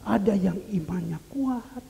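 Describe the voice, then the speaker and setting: A man's voice: high-pitched, a little slow, vocal fry, dark tone. A middle-aged man preaching a sermon as a pastor. He tells stories and earnestly repeats key phrases for emphasis. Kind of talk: sermon with storytelling. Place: large church hall. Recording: reverberant hall with faint hiss.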